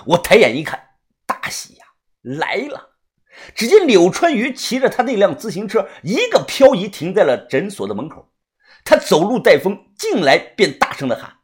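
A storyteller narrating a comic martial arts tale in an animated, dramatic way. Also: medium pitch, slightly rough. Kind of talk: lively wuxia storytelling narration.

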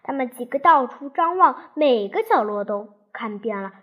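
A woman narrating a children's storybook aloud, slowly and carefully. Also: high-pitched, lively intonation, dull audio.

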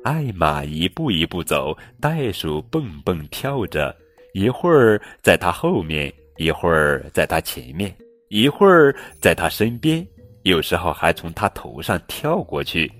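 A man reading a children's picture book aloud in a storytelling voice, with light music behind. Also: low-pitched. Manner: slow, lively storytelling. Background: light background music.

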